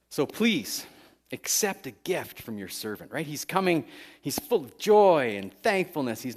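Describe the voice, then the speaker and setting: A middle-aged male pastor preaching in a conversational way, often asking "right?" and acting out the people in the story. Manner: animated, conversational preaching with frequent "right?" asides; acts out the story's figures with raised pitch. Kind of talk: sermon.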